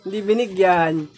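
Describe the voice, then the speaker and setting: A woman's voice: mid-range voice, darkish tone. A young woman filming her pet at home, teasing it in playful baby talk and laughing often. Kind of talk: playful home video narration.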